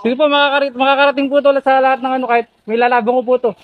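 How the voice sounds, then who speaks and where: A man's voice: extremely high pitch, flat delivery, rapid-fire. A man working as a delivery rider who pleads politely and keeps calling the customer sir. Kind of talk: tense confrontation filmed on phone. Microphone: phone camera. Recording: tinny phone-like sound.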